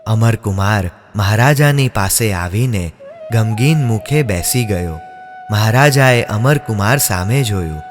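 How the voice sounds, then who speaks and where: A man narrating a devotional drama in a measured, solemn storytelling manner. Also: fairly low pitch, animated. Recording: long reverb, music underneath.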